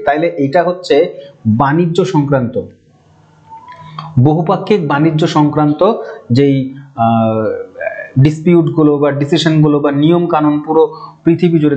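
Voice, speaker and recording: A man's voice: medium pitch, dark tone. A male teacher gives a chatty exam-prep lecture, repeating key terms and slipping English words into his talk. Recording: dull lo-fi sound.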